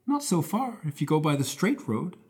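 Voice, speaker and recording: A man voicing a cheerful little girl in a storybook reading, pitching up high and sing-song, with music behind. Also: very animated, moderate pace, darkish tone, slightly rough, heavily acted.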